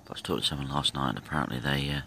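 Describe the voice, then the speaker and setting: An angler filming his own fishing trip talks in a very low voice beside a lake, rambling casually and thinking aloud with pauses. He holds the camera and speaks from behind the lens, so the mic is close, while clear outdoor and nature sounds carry behind him along with slight background noise.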